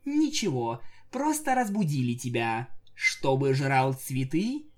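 A man's voice: mid-range voice, very animated, slow. Man playing a chirpy pony princess. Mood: cheerful. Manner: chirpy and playful. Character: cheerful young female pony princess.

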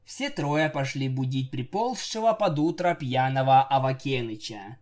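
A man narrating a comic fan fiction story with lively, jokey asides. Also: medium pitch, measured pace. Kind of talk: comic audiobook reading.

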